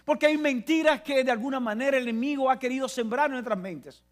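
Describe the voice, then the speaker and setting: A man's voice: very high voice, quick pace, soft background music. A man with a Dominican Spanish accent preaching a sermon, emphatic and repetitive, often restarting his phrases.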